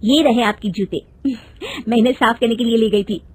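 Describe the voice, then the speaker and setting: A woman's voice: a little high, a little fast, a little mellow, breathy edge. Woman as a timid polite young bride. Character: young daughter-in-law, polite and hesitant.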